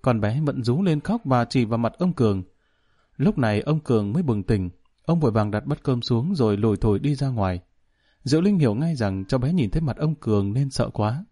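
A man narrating a novel as a storyteller, in a calm, measured way. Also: mid-range voice. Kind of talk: audiobook narration.

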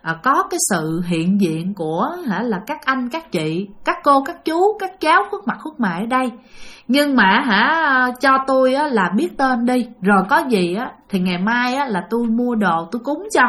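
Lady doing an old southern vietnamese grandma, slow and coaxing, a bit lower. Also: lively intonation, fairly bright tone. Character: elderly grandmother coaxing a spirit, calm.

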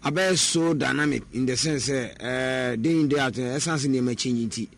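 A man's voice: medium pitch, moderate pace, creaky, fairly bright tone. A man talking football as a pundit, mixing Twi and English with many hesitation fillers. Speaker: sports pundit. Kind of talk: radio sports discussion.

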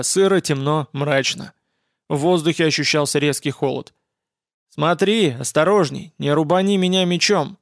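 A man narrates a first-person fantasy audiobook with wry, brisk timing. His voice has a gravelly, fry-laden texture and sits somewhat high for a man. The sound is dry and close, with no room around it. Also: dry recording.

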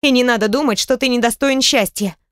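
Woman doing a lively bossy stepmother. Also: high-pitched, moderate pace, no room sound, clean studio sound, voice pushed up. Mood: indignant. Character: lively, bossy, caring middle-aged stepmother.

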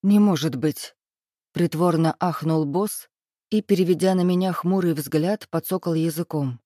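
A woman narrating a novel in the first person, in an even, measured storytelling manner. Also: lowish voice, no room sound, clean studio sound. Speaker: audiobook narrator.

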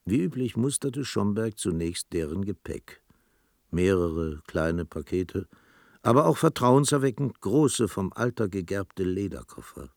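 A man with a very deep, expressive voice and noticeable vocal fry narrates a radio drama in a measured, literary way. The studio sound around him is very dry, with no echo.

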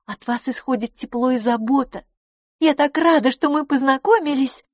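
A woman reading an audiobook and voicing an impulsive, warm young woman in a high, gushing voice. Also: moderate pace, no echo, clean studio sound.

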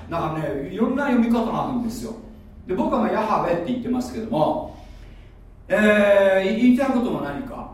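Male pastor, high and lively voice, teaching style, heard from afar in a very echoey hall. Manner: explains like a teacher, asks the audience questions. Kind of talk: sermon. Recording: echoey room, voice from far off.

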